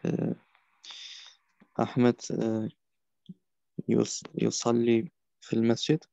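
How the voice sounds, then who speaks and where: A man's voice: mid-range voice, monotone, slow pace, creaky, dark tone, no echo, muffled recording. A man answering as a student in an online Arabic lesson, hesitant and full of fillers.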